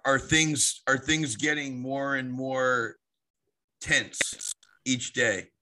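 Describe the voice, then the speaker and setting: A man's voice: mid-range voice, steady tone, very slow, background noise. A man hosting a podcast, introducing and interviewing, with a lisp that makes his s sounds slushy. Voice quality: lisping, slushy s sounds after oral surgery. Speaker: podcast host.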